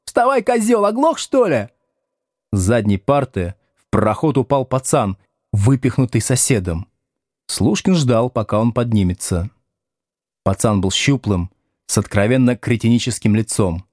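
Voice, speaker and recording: A man reading a novel aloud as scripted narration with expressive storytelling. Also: on the low side, normal speed, dry recording, clean studio sound. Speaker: audiobook reader.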